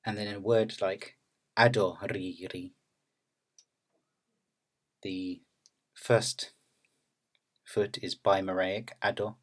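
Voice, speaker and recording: A man narrating an academic lecture in a measured, explanatory way. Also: lowish voice.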